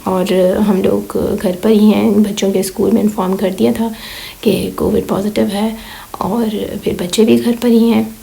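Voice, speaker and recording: Hoarse sick woman rambling thru her vlog, flat gravelly low-key voice. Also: low-quality recording. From Pakistan. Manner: slow, rambling, many fillers. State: hoarse and weak from illness. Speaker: vlogger. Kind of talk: casual voice-over vlog.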